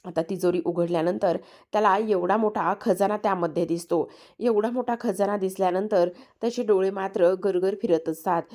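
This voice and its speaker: A woman's voice: mid-range voice, darkish tone. A woman narrating a TV serial episode recap, speaking straight to viewers and leaning on repeated filler words. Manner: addresses viewers directly, repetitive filler words.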